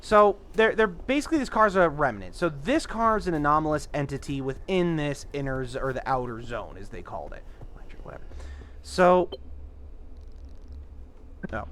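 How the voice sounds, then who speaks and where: A man's voice: a little high, expressive, normal speed, fairly bright tone. A man casually commentating his gameplay in a rambling, chatty way. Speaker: let's-play host.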